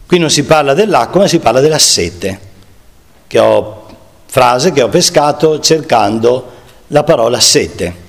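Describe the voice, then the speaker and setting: Slow-speaking preacher in a reverberant hall. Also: male voice, mid-range voice, animated, vocal fry. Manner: slow, measured, reads scripture aloud with pauses and restarts. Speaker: preacher giving a Bible talk. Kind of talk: sermon.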